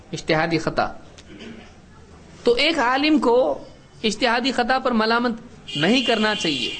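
A man's voice: very high voice, fairly bright tone. A middle-aged man giving a religious lesson to a class, asking questions and answering them himself. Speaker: religious teacher. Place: classroom with students.

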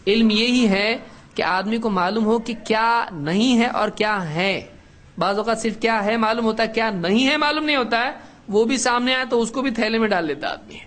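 A man's voice: high voice, fairly bright tone. A middle-aged man giving a religious lesson to a class, asking questions and answering them himself. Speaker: religious teacher. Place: classroom with students.

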